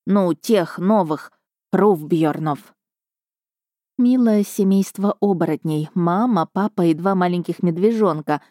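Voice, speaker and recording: Woman narrator, lowish mellow voice, wry measured storytelling, dry close mic. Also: no echo. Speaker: audiobook narrator. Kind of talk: first-person audiobook narration.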